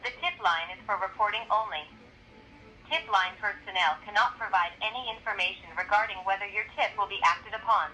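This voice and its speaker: A woman delivers a recorded phone menu in a formal, measured way. Her voice is bright and crisply enunciated. It comes through a telephone line with some noise behind it. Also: medium pitch. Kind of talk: scripted automated phone menu announcement.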